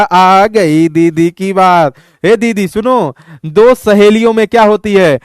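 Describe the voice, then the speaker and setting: A man's voice: sits high, smooth, no room sound, studio quality. A male teacher explains a lesson in a casual, playful, teasing way and keeps asking his students questions. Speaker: Hindi teacher.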